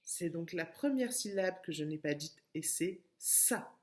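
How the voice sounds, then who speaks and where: A woman with a French accent giving a remote phonics lesson to young children, with careful, clearly split syllables and patient explanations. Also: on the low side, animated, unhurried. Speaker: kindergarten teacher.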